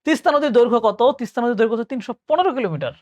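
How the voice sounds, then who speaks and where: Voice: mid-range voice, very animated, very fast, a little mellow, dry recording. A young adult teacher with a Bangladeshi Bengali accent, reading exam questions aloud and answering each one step by step, often thinking aloud and correcting themselves. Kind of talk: admission exam lesson.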